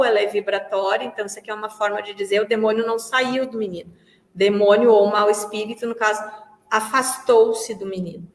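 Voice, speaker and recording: Brazilian woman lecturing in an echoing hall. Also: medium pitch. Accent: Brazilian Portuguese. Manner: explanatory, repeats phrases while thinking. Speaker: Spiritist study speaker. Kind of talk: religious study lecture. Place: large meeting hall. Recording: echoey hall with long reverb.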